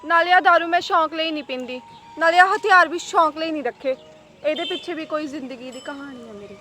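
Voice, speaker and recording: A woman's voice: extremely high pitch, fast talker. A young woman playing a bold, defiant biker girl who teases and talks tough. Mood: bitter. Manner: brash, teasing, sharp-tongued. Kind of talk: Punjabi short film acting.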